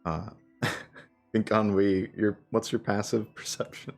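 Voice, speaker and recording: Low gravelly game master. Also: male voice, steady tone, a little slow, faint music behind. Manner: hesitant, many fillers, laughs often. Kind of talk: narrating a tabletop game.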